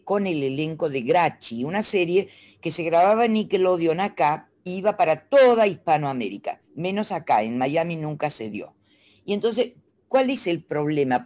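Middle-aged woman, from Argentina, speech coach, teacherly, demonstrative, low voice, lively intonation. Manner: animated, teacherly, demonstrates pronunciation. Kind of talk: interview guest explaining.

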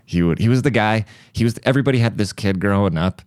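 A man's voice: on the low side, quick pace, a little mellow, no room sound, clean studio sound. A young man hosting a podcast, telling crude, irreverent stories in a casual comic monologue. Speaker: podcast host.

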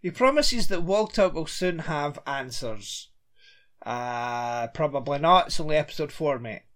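As a podcast co-host, a man recaps a TV episode in a chatty, somewhat rambling way, laughing readily. His voice is on the high side and a bit bright, with lively intonation.

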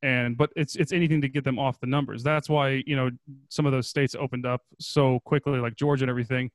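A man's voice: medium pitch, fairly even intonation, fast, no room sound. A man who is a former producer and now a day trader, chatting casually and rambling as a podcast guest, swearing freely.

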